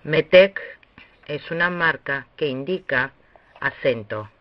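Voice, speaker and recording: Man, higher voice, slow lecture pace, dry dull lo-fi recording, teaching a language lesson. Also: no room sound. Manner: slow, deliberate, with long pauses.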